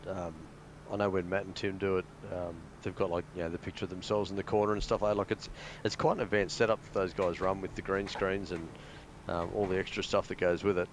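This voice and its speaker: Casual Australian gamer guy, low voice, rambling, on a voice-chat mic. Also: little pitch movement, quick pace, hardly any pauses, slight background noise. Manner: rambling, hesitant, many fillers. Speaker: guest pilot. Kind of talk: casual chat over voice call.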